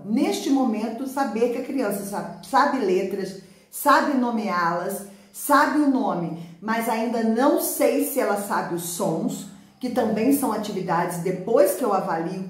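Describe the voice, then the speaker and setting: A woman with a Brazilian Portuguese accent, explaining classroom literacy activities in a patient teaching talk, stretching out sample words slowly. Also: on the high side, very echoey. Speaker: teacher and neuropsychology educator.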